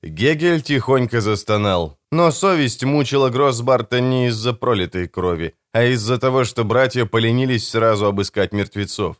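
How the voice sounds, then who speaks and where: A man reading a dark fantasy novel aloud as an audiobook narrator, in even, measured narration. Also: mid-range voice, smooth, dry recording, studio quality. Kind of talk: scripted narration.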